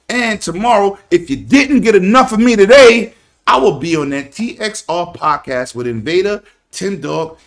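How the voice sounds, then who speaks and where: Loud bright-voiced man hosting. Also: high-pitched. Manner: loud hype talk with shout-outs. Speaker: podcast host. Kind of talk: casual chat.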